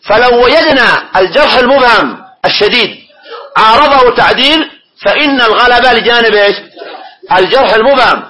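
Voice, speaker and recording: A man lecturing students in a classroom, reading a text aloud and explaining it, often pausing to prompt them with questions. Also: very high-pitched, pushed and bright, poor audio. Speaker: teacher of hadith studies.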